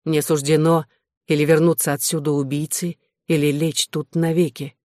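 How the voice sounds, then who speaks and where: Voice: medium pitch, little pitch movement, normal speed, darkish tone, no echo, studio quality, natural voice. A reader voicing an earnest, proud young man in a plain, sincere delivery. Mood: brooding. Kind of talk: audiobook reading.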